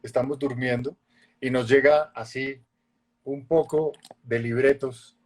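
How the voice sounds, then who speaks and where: Man, 40s, animated storyteller, chatty guest testimony. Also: medium pitch, a little slow. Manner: lively storyteller, acts out voices and shifts loudness a lot. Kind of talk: animated testimony in a casual chat.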